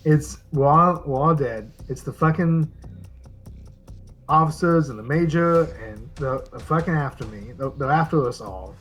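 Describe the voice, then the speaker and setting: A man's voice: fairly high pitch, a little slow, faint music behind, voice pushed up, poor audio. A man playing a frantic older soldier. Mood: panicked. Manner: frantic, stammering, yelling. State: out of breath. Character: panicked older male senior enlisted soldier.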